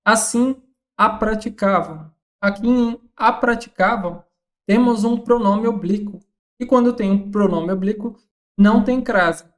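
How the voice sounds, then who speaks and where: A woman's voice: mid-range voice, unhurried. A woman with a Brazilian accent walking through exam questions as a Portuguese tutor, reading each question and methodically ruling out the answers. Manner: methodical, reads questions then rules out options. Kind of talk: scripted exam-question walkthrough.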